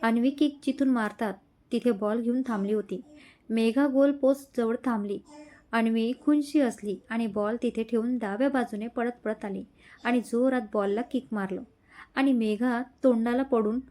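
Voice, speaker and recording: Brief: woman narrator for an audio love story, steady reading, warm and slightly high voice. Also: moderate pace.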